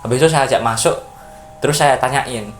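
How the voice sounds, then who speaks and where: A man from Java, a podcast guest, casually telling a story in an animated way, acting out voices and sound effects. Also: mid-range voice, fairly quick, faint music behind. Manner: animated, acts out voices and sound effects, keeps addressing the listener.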